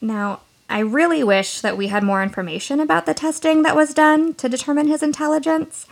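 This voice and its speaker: Woman, from Washington state, podcast co-host, gravelly edge, explanatory. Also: high voice, fairly even intonation, fairly quick. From Washington state, United States. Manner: explanatory, thoughtful, hedging with fillers. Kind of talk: casual true-crime podcast chat.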